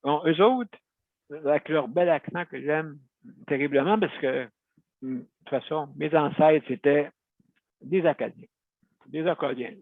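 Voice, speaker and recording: Host, male, gravelly and slightly high, rambling chatty delivery, dry tinny phone-like sound. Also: measured pace, no echo. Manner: rambling, chatty, self-correcting storyteller. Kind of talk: casual talk to listeners.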